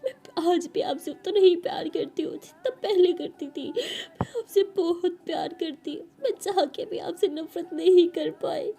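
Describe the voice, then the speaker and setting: A woman's voice: high voice, a little fast, warm tone. A woman voicing a hurt young daughter in a spoken storybook, talking with strain and emotion. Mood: crying.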